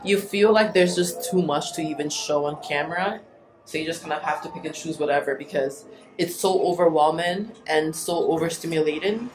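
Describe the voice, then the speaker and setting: A woman's voice: low-pitched, fairly quick, poor audio. Chatty young woman vlogging at arm's length. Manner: chatty, upbeat, laughs easily. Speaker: travel vlogger. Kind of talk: casual vlog narration. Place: car, restaurants and outdoor park. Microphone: handheld camera at arm's length.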